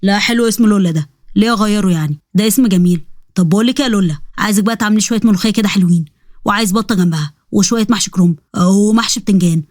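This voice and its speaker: A cocky young Egyptian man rambles and jokes at high speed, as a woman narrator voices him. He has a strong Egyptian Arabic accent and a chatty, bragging manner. The recording is dry and close. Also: racing, darkish tone, no room sound, natural voice. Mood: excited. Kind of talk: storybook narration with character voices.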